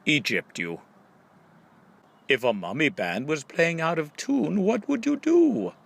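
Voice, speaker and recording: Setting up one question after another from a scripted riddle book, a male audiobook reader draws out each punchline in a question-and-answer manner. His voice sits on the high side and is very animated and gravelly.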